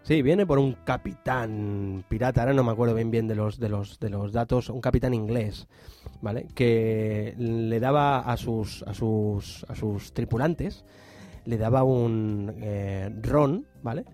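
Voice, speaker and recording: A man's voice: mid-range voice, a little slow, dark tone, soft background music. Storytelling podcast co-host man. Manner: storytelling with many filler tags and restarts. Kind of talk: casual podcast chat, telling anecdotes.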